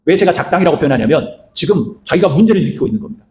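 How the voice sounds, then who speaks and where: A man's voice: a little high, racing, echoey room, a little hiss or hum. A male pastor preaching a sermon, retelling scripture and asking rhetorical questions. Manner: animated, rhetorical questions, acts out quoted lines.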